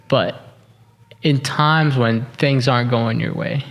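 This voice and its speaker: A young man hosts a podcast in a relaxed, conversational way. His voice sits at a middle pitch with a creaky, gravelly edge. He often stops and repeats words while working out his questions. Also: slow. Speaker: podcast host. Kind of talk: casual interview chat.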